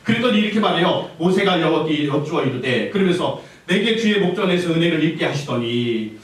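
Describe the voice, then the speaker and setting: A man's voice: a little high, expressive, brisk, distant mic. A male pastor preaching a sermon, firing questions at the congregation and repeating their answers back to them. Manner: call-and-response preaching, asking the congregation questions. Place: church sanctuary. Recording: echoey church hall, voice from afar.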